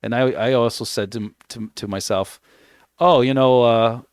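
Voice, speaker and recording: Dry, studio-quality audio captures a man with a medium-pitched, clean-toned voice, fairly even intonation, and a moderate pace. He's from Canada with Italian as his first language, and while gaming on a stream he chats casually, wandering through stories and correcting himself often.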